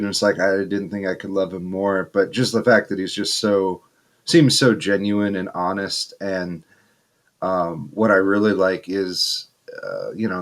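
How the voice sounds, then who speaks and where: A man co-hosting a podcast, talking earnestly with many pauses and fillers. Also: sits low. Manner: earnest, hesitant, lots of fillers. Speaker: podcast co-host. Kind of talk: casual chat.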